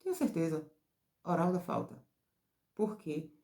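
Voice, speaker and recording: A woman therapist from Brazil, explaining character traits in a casual teaching talk, expressive, getting higher and louder when excited. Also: measured pace. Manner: expressive, rises high and loud when excited. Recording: roomy echo.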